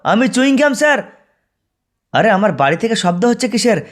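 A man's voice: extremely high pitch, big pitch swings, a little fast. Guy voicing a lazy gum-chewing gangster, chill, game video. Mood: laid-back.

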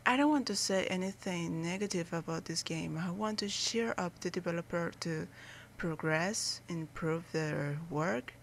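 A woman hosting a let's play, giving low-key, understated gaming commentary. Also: unhurried, creaky, a little hiss or hum.

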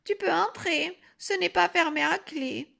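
Woman voicing an old grandmother, thin and quavering, high-pitched, sweetly sly. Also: measured pace, vocal fry, pushed and bright, heavily acted. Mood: soothing.

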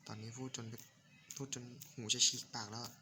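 Give me a man with a blocked nose casually joking to viewers while playing, with a steady hiss behind him. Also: medium pitch, brisk. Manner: rambling, joking, swears, talks to viewers. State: stuffy nose. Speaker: gaming YouTuber. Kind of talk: casual Minecraft let's play commentary. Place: home room at night. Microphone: desk mic.

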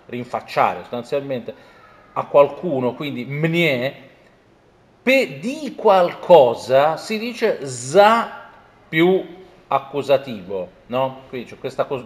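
A man lecturing on a Russian novel, reading Russian passages aloud and explaining them with many fillers and self-corrections. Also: mid-range voice.

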